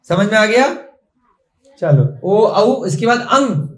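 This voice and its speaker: Patient male teacher, high-pitched, slow and repetitive, echoey classroom. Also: lively intonation. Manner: slow, patient, repeats and quizzes students.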